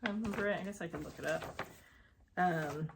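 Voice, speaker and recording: A woman's voice: fairly low pitch, fairly quick, creaky, noisy background. A woman hosting her knitting podcast at home, chatting casually and rambling with lots of fillers and asides. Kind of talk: casual chat.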